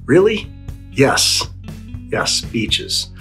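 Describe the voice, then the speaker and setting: A man's voice: medium pitch, sing-song, extremely slow, a bit bright, faint music behind. A man in his sixties introducing a fishing segment to a webcam in a small room, conversational with restarts. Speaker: fishing show host. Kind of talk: casual to-camera introduction.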